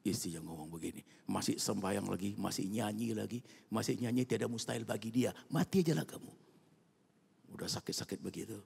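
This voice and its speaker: Male preacher, super raspy breathy voice, chatty sermon, goes from shouting to almost whispering. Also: on the low side, fast. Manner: animated, swinging from loud outbursts to hushed near-whispers; colloquial, with frequent asides to the congregation. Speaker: pastor. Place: church evening prayer service.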